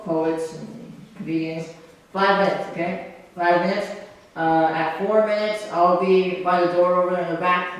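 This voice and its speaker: A man hosting an open mic, telling a story in a loose, rambling way full of fillers. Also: sits high. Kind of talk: live stand-up storytelling. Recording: echoey venue, mic at a distance, faint noise.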